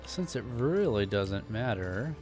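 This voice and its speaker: Over loud game music, a gaming channel host with a lowish voice chats through a casual let's play. He speaks slowly yet very animatedly, laid-back and tossing in jokey asides.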